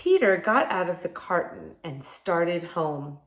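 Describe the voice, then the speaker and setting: A woman hosting a read-aloud for young children like a kids' show host, talking straight to them in simple words and expressive questions. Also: fairly low pitch, a little slow. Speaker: kindergarten teacher reading picture books to children. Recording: echoey room sound.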